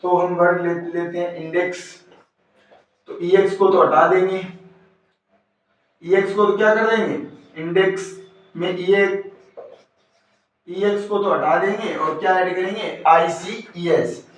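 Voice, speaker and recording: Man teaching in a booming echoey room. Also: fairly even intonation, unhurried, long pauses. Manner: repetitive call-and-answer questioning. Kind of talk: exam-prep grammar lesson. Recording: very echoey room, far from mic.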